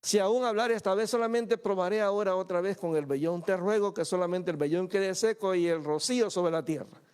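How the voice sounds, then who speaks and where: Male pastor, high-pitched sermon voice, calls the congregation brother, acts out the voices he quotes. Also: a little fast, darkish tone, clean tone. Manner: addresses listeners as "hermano", acts out quoted voices. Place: church in Montreal.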